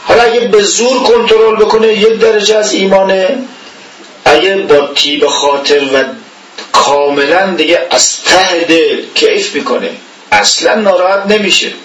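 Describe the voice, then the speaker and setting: A man delivers an informal religious lesson, talking conversationally and posing rhetorical questions to his listeners. His voice sits a little high for a man. He sounds set back from the mic, with the echo of a reverberant room around him. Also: a bit bright. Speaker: religious teacher. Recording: echoey room, voice from far off the mic.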